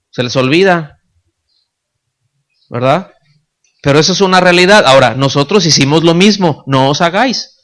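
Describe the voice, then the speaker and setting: A man's voice: a little high, fairly bright tone. A male pastor preaching a sermon in a conversational way, often checking in with the congregation.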